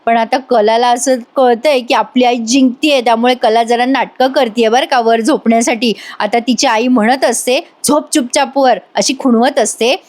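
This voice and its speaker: A woman's voice: on the high side, fairly even intonation, moderate pace, hardly any pauses, a little mellow. A woman narrating a voice-over recap of a TV serial episode, storytelling with chatty asides. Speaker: TV serial reviewer.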